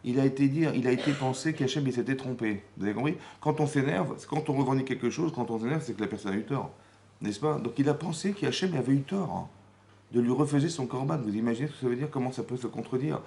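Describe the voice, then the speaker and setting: A man giving a lively Torah class as rabbi, asking the room rhetorical questions and acting out the dialogue he explains. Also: mid-range voice, quick pace, gravelly. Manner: animated, acts out quoted dialogue, rhetorical questions. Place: Paris community hall.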